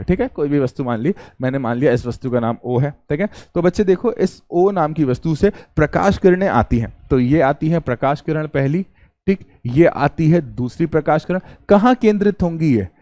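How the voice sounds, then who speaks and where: A young man teaches a class in a calm, unhurried, chatty way, often posing a question and then answering it himself. His voice sits fairly high but has a mellow tone. The sound is dry and close. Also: no echo. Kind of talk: classroom lecture.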